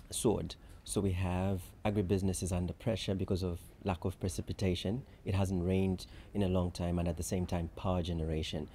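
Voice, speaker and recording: At a conference interview, a chief risk officer from Zambia answers questions in a low, mellow voice. His explanations are measured and structured, dotted with frequent "so" and "um," over a faint background hiss.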